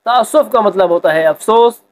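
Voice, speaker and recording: In poor audio, a male teacher with a high voice works through a textbook exercise in class. He reads the sample sentences aloud slowly, with plenty of expression.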